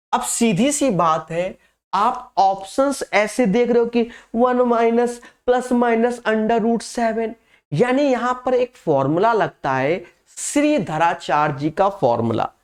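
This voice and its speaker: Man teaching maths with a head cold. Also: high voice. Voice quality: nasal, changed voice from a cold. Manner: chatty, calls students "my friend", slips into English phrases. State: has a cold and fever. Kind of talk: exam-prep maths lesson.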